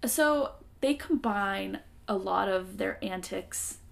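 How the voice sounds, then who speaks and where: A woman's voice: medium pitch, takes it slowly, creaky. A young woman co-hosting a podcast, chatting casually and wryly with a lot of hedging. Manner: chatty, wry, hedging with fillers. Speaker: podcast co-host.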